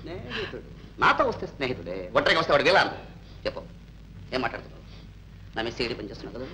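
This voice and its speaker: An actor playing a domineering, jealous husband who taunts and shouts in an old film drama. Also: male voice, medium pitch, very animated, very fast. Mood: taunting.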